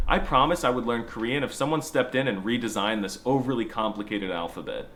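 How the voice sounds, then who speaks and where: A man's voice: medium pitch, a bit bright, slight background noise. A man narrating a scripted comedy video with sarcastic, mock-serious jokes. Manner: slips into mock accents.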